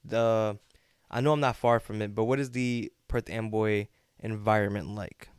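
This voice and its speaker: Low, smooth-voiced male podcast host. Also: steady tone, moderate pace, no room sound, clean studio sound. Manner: hesitant questions with fillers. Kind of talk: casual interview.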